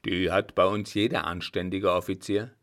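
A man voicing an old, blunt field marshal who talks loudly and teases, with a gravelly low voice. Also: steady tone, moderate pace. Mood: gruff, bantering. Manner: loud, brusque, bantering.

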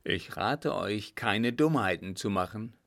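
A man voicing a sly, unhurried coachman who talks in a stubborn, mocking drawl. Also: lowish voice, fairly bright tone. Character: sly, unhurried old coachman, proud dog owner.

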